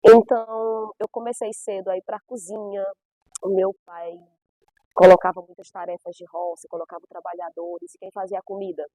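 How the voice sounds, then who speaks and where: A woman's voice: medium pitch, steady tone, moderate pace, dark tone, no echo, low-quality recording. Emphatic woman from Brazil's Northeast. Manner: emphatic storytelling with repeated phrases. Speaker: guest gospel singer. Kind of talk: personal testimony.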